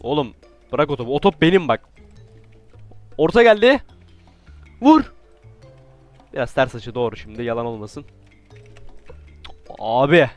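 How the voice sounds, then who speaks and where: A man giving casual, joking commentary while playing a game, with sudden excited outbursts and playful trash talk. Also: medium pitch, normal speed, pauses often, soft background music. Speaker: gaming YouTuber.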